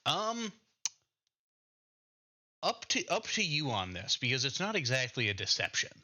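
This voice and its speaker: Very bright, sharp-voiced male game master. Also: medium pitch, big pitch swings, measured pace, dull audio. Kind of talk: improvised game narration, casual.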